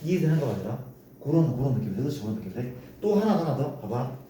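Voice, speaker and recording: Echoey lively male math teacher. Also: medium pitch, fast talker. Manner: coaxing, keeps asking students to confirm. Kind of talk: classroom lecture. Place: classroom. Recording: echoey room, distant mic, faint noise.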